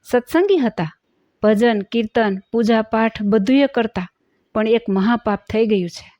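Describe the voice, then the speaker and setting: A woman reads a devoted nephew from a devotional storybook, earnest and imploring. The sound is dry and dull, with her voice sitting a bit high. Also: measured pace, a little mellow, dry recording, natural voice. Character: devoted nephew pleading for his aunt.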